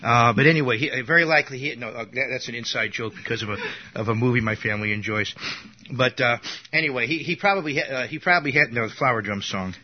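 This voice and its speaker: A man's voice: medium pitch, fast talker, a little hiss or hum. A man teaching an informal Bible lesson, rambling and restarting his sentences, with an occasional cough. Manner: rambling, with frequent restarts and asides. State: coughing now and then. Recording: dull lo-fi recording.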